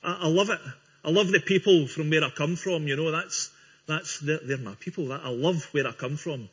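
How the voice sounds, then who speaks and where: This Scottish man, a guest speaker, offers his testimony to a church congregation in an earnest, friendly way with small restarts. His husky voice is fairly high and fairly bright, at a normal speed. It was captured in a dull, lo-fi recording.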